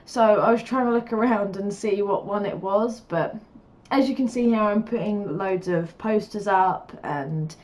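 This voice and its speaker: Talking a little slowly with few pauses, this gaming YouTuber has a medium-pitched, slightly mellow voice. She has a stuffy cold and rambles chattily through a game build, full of fillers and laughing often.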